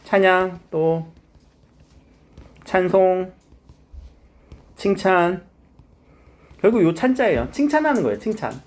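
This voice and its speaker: A middle-aged man lectures a classroom of students on literary terms, his voice sitting a little high. His pitch swings widely as he fires questions at the class and answers them himself. It sounds like a lively, hands-on teacher. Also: slow, long pauses.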